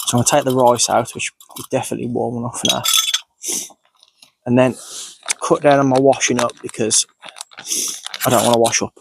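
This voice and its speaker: A man's voice: mid-range voice, level tone, fairly quick, vocal fry, pauses often, noisy background. A man sniffly with a cold, casually narrating his outdoor cooking as he goes, unscripted. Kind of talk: casual, unscripted narration while doing tasks. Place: outdoors in countryside.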